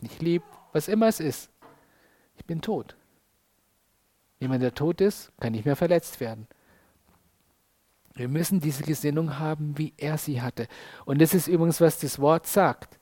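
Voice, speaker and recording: A man preaching a sermon in a casual, conversational way, often tagging his sentences with quick questions to the listeners. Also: a little high, a little mellow.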